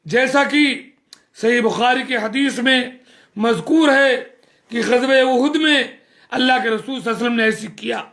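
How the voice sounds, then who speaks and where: A man's voice: extremely high pitch, fairly bright tone. A man preaching a sermon, earnest and scolding, repeating phrases for emphasis.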